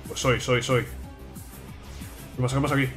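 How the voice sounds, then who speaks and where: A young man from Spain with a Spain Spanish accent, hosting an excited let's play and reacting aloud, often repeating his words. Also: mid-range voice, moderate pace, soft background music. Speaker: gaming video host.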